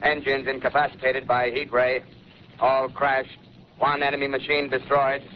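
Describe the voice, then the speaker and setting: An actor playing a sober military radio operator relaying clipped official reports in a 1930s radio drama. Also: male voice, mid-range voice, moderate pace, close to an everyday voice. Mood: flat, official. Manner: flat, official, clipped delivery. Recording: muffled 1930s radio with faint noise.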